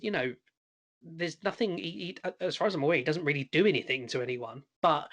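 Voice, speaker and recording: A man's voice: on the high side, bright, forceful tone. Hesitant man talking on a podcast. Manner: hesitant, many fillers and restarts. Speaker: podcast co-host. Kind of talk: casual horror podcast chat.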